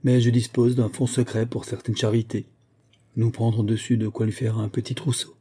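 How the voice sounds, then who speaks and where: A man's voice: mid-range voice, flat delivery, moderate pace, mellow, husky, close to an everyday voice. A man voicing a stern, despotic woman who heads a school, speaking curtly, in an audiobook. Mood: cold.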